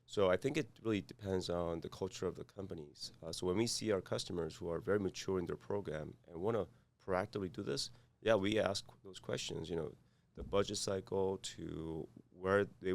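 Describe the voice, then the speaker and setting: A man from South Korea with a Korean accent, a podcast guest speaking haltingly with many fillers and restarts. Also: sits low, vocal fry. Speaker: guest, cybersecurity firm founder. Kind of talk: podcast interview.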